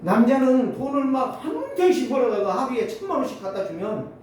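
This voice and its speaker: A man in his sixties preaching a Sunday sermon, swinging between loud exclamations and low asides. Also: big pitch swings, brisk, a little hiss or hum. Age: 60s. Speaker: pastor. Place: church sanctuary. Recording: very echoey hall, mic at a distance.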